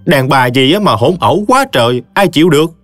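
A man's voice: medium pitch, animated, a little fast, no room sound, faint music behind, voice pushed up, natural voice. A man voicing a stern male village teacher who lectures his friend scornfully. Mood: scolding.

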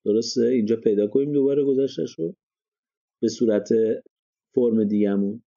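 A man's voice: medium pitch, vocal fry, warm tone, dull audio. A male language teacher explaining grammar step by step and often stopping to check that listeners follow. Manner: checks understanding with frequent rhetorical questions. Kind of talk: explanatory lesson.

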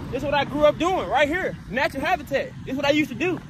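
High-voiced young Texan man vlogging outdoors. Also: very fast. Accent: Texas. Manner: joking, lively street banter. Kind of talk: casual vlog chat. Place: outdoors by city streets and water. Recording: outdoor street noise behind.

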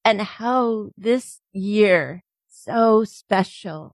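An American woman hosts a casual podcast chat, chatty and affirming as she talks. Her voice sits at a middle pitch. It is recorded dry and close, with no room sound. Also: drawn-out words, no echo. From United States. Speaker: podcast host.

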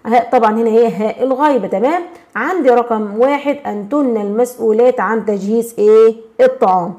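Egyptian woman teacher, higher voice. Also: warm tone. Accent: Egyptian Arabic. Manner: checks in constantly and prompts with questions; slows and stresses words when reading examples. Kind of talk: explaining a grammar lesson.

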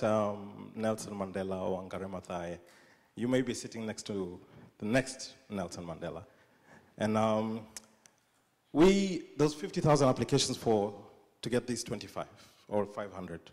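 A young Kenyan man gives a talk on a large dark stage, speaking into a handheld mic. His voice sits in a middling register and carries a long hall reverb. He jokes at his own expense and often restarts his sentences. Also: mid-range voice. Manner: humorous, self-deprecating, with frequent restarts. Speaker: conference speaker. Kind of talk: live conference talk.

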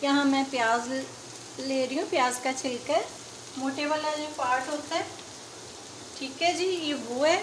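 With a high voice and a slightly slow delivery punctuated by long pauses, a home cooking channel host chats through every step of her dish at the stove. The casual demo takes place in an echoey kitchen where loud sizzling adds background noise.

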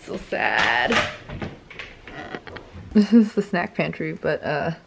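A woman's voice: sits low, big pitch swings, takes it slowly, vocal fry, noisy background. A young woman in her twenties chatting casually to camera in her home kitchen, giggly and giving tips, recorded on a compact camera. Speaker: lifestyle vlogger. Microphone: compact camera on the counter. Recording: background music under the voice.

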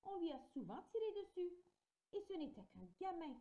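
A woman reads a children's novel aloud with a very dark, mellow voice that swings widely in pitch as she tells the story. She reads in an expressive way. The home recording sounds dull and lo-fi. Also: moderate pace. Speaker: audiobook reader.

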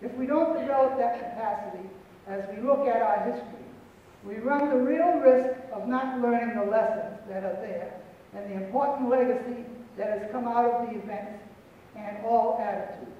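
Older male panel speaker, solemn and deliberate, high voice, far off in a big echoing auditorium. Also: a little hiss or hum. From Pequot territory, New England. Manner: solemn, deliberate, repeats phrases for emphasis. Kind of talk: prepared speech at a panel. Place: auditorium stage, large indoor hall. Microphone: far room mic. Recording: echoey hall from far off, dull.

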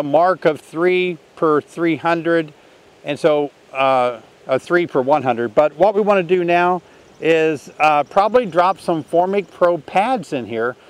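A man in his sixties teaching a beekeeping test outdoors by the hives, talking in a relaxed, folksy way while he works. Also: on the high side. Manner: relaxed, folksy, thinks aloud while working. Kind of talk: hands-on outdoor demonstration. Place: outdoors in an orchard beside beehives.

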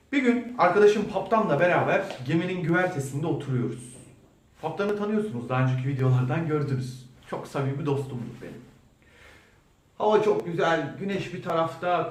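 A man's voice: fairly high pitch, expressive, normal speed. A man telling a children's story in a playful, theatrical way, as a clown doctor. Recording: roomy echo, mic at a distance, faint background hum.

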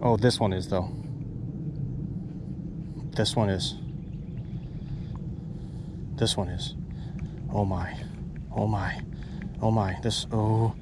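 Recorded on a head-mounted action camera at a pond's edge, this young man narrates his fishing in a fairly low voice, speaking slowly with frequent pauses. He's excitable and casual, addressing the fish and his audience, while nature sounds fill the background.

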